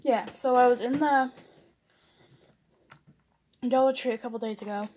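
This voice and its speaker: A woman's voice: a little high, steady tone, measured pace, a little mellow, a little hiss or hum. A young woman vlogger chatting casually while eating, rambling with lots of fillers and restarts.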